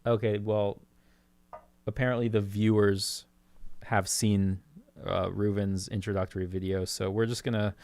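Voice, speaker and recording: This man hosts a live stream with a low voice and a close, dry sound. He rambles casually, breaks off mid-sentence and restarts, and laughs easily. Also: flat delivery, darkish tone, no room sound. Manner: rambling, self-interrupting, quick to laugh. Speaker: host.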